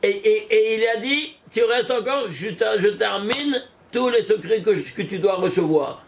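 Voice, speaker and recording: A man teaching a Kabbalah study class, animated, repeating numbers out loud and exclaiming in wonder as he questions his students. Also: sits high, unhurried, a little hiss or hum. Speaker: Torah teacher.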